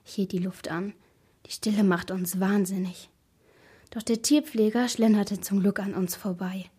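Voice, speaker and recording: A woman's voice: medium pitch, steady tone, normal speed, warm tone, breathy edge. Woman narrating a tense storybook. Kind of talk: first-person storybook narration.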